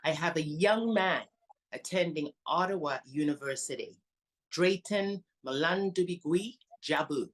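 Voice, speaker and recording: A woman hosts an interview show, greeting her guest and asking about his life. She calls him honey and hon again and again, in a somewhat low voice for a woman. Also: a little slow. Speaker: show host. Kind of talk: interview hosting.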